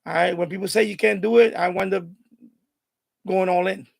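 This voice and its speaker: This Puerto Rico–born man raised in the Bronx, now in his 50s, speaks at a moderate pace with vocal fry during casual chat on his radio hobby live stream. His heavy Bronx New York accent comes with an animated, high-intensity, worked-up energy.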